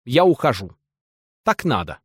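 A man voicing a cool, dismissive young wife walking out on her husband, answering curtly and calmly. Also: medium pitch, a little slow, breathy edge, no room sound, studio quality. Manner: curt and calm, at times irritated.

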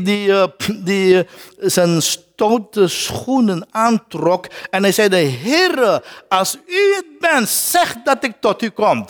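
A man preaching a sermon as pastor, often repeating words as he searches for them and shifting his voice dramatically for quoted lines. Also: high-pitched. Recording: long hall reverb.

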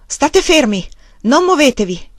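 A woman's voice: big pitch swings, unhurried, no room sound, studio quality. A woman reading aloud who voices a young pioneer mother alone in a blizzard, calling out urgently in a raised voice. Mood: shouting urgently. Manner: urgent, calls out at a raised pitch.

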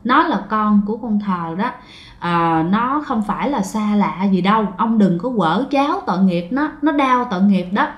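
A woman voicing a gentle old grandmother who speaks softly and quietly. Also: medium pitch, expressive, moderate pace, dull audio, natural voice. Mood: hushed pleading. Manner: soft, hushed and gentle. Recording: roomy echo.

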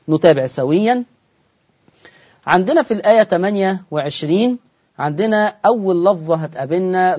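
A man's voice: high-pitched, a little mellow, slightly rough, dull audio. A man with an Egyptian accent hosting a televised Quran recitation lesson, asking the audience questions and answering them himself. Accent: Egyptian Arabic. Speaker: Quran recitation teacher and host.

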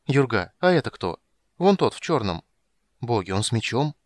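A man's voice: mid-range voice, big pitch swings, normal speed, no echo, studio quality, lightly acted. A man voicing a merchant's wife, anxious and tender, who talks in an urgent, fussing way.

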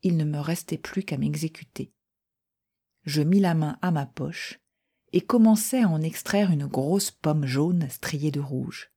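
A woman calmly reading a first-person short story aloud in a measured voice. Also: low voice, breathy edge.

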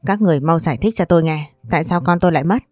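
An upset young husband, voiced by a woman reading a story presses with insistent questions. The voice is low and mellow. The sound is dry and close. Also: rapid-fire, dry recording, soft background music, natural voice. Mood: demanding. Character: distraught young husband, loud and demanding.

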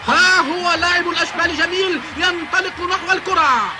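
A man playing an excitable, amazed football commentator in an animated series, exclaiming dramatically. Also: extremely high pitch, fairly quick, heavy background noise. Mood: thrilled. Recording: loud music under the voice. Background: loud music.

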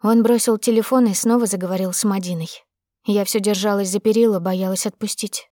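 A woman's voice: mid-range voice, fairly even intonation, a little fast, mellow, no echo. A woman narrating a tense, dramatic audiobook in the first person.

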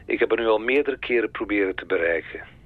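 Male actor as a worried caller leaving a voicemail; anxious, halting, heard thin over the phone. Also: on the low side, no room sound. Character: worried man pleading with a distant friend. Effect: voicemail message played over a phone line. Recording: tinny phone-line voicemail.

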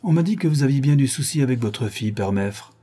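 A man's voice: medium pitch, lively intonation, a little fast, mellow, husky, pitched above the performer's own voice. A man voicing a scheming old peasant woman who herds goats, speaking in a quavering, sly voice. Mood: wheedling.

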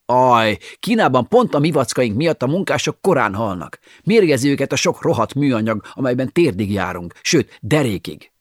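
A man's voice: mid-range voice, very animated, few pauses, no echo, clean studio sound. A man narrating an audiobook in a wry, ironic storytelling manner, with sighing asides.

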